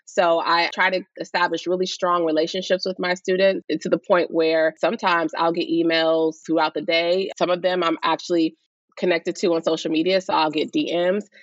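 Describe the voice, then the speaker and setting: A woman teacher from high school or college answers interview questions in a voice on the low side, thoughtful and earnest and passionate about her students. The recording is dry and lo-fi.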